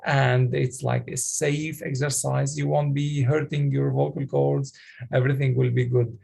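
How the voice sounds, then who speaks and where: A man coaching public speaking on a video call, talking haltingly with many fillers and restarts. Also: medium pitch, little pitch movement, creaky, darkish tone, slightly rough. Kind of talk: online coaching session.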